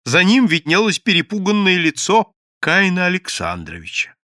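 A man narrating a classic novel as an audiobook reader, lively and expressive. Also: sits high, normal speed, dry recording, clean studio sound.

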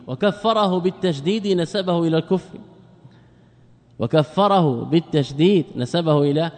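A man's voice: a little high, a little mellow, in a large hall. A male sheikh teaching a grammar lesson, often asking and answering his own questions and repeating words for emphasis. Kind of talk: classroom lecture on Arabic grammar.

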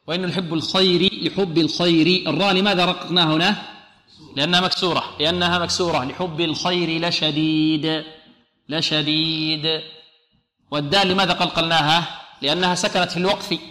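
Man teaching Quran recitation, bright and echoey. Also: fairly high pitch. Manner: asks questions and answers them, repeats sounds slowly to demonstrate. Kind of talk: tajweed lesson with recited demonstrations.

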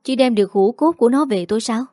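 A woman's voice: fairly high pitch, fast talker, mellow, dry recording, clean studio sound, close to an everyday voice. A woman voicing a grieving, harsh grandmother in her eighties who wails and scolds. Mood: grieving, scolding. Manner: wailing, scolding.

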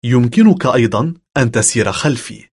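A man reading scripted phrasebook lines for a language lesson in a measured, instructional way. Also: medium pitch, animated, a little mellow, breathy edge.

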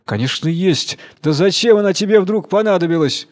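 A crafty female monkey from a storybook tale taunts in a raised, lively voice, as a male narrator puts her on. She is quick-witted and scornful. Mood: anxious. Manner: taunting, higher-pitched. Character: clever sly female monkey, mocking.

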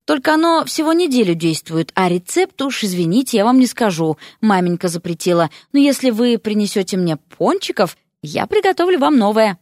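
A woman voicing a bold, witty young sorceress student, speaking brisk and matter-of-fact. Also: medium pitch, very animated, a little mellow, no room sound, studio quality, close to an everyday voice.

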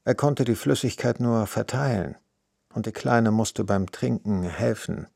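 A man narrating a literary radio play in an even, measured way. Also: fairly low pitch, gravelly, no echo, studio quality.

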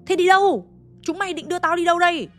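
A woman voicing a possessed old woman whose hoarse, distorted voice scolds in shrill shouts as the angry spirit of a dead elder. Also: very animated, fairly quick, big-room sound, faint music behind. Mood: frantic.

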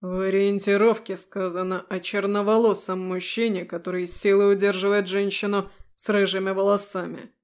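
A woman's voice: medium pitch, flat delivery, normal speed, hardly any pauses, close to an everyday voice. A woman voicing a stern, level guard commander. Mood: firm. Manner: level, firm, clipped. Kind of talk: audiobook character voice.

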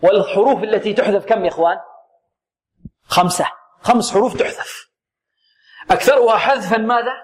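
High-voiced man teaching Quran recitation. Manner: asks questions and answers them himself, drawing out recited words slowly. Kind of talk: tajweed lesson with recited examples.

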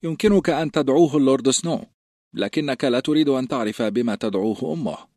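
A man voicing a sharp-tongued young recruit who teases and mocks. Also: medium pitch, fast, dry recording, clean studio sound, pitched above the performer's own voice, lightly acted. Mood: teasing. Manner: teasing, sly.

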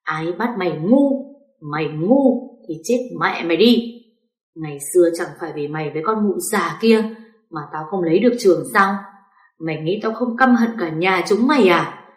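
A woman's voice: on the low side, lively intonation, moderate pace, reverberant, close to an everyday voice. A woman voicing a bitter, cruel sister-in-law who sneers and spits venom. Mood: venomous.

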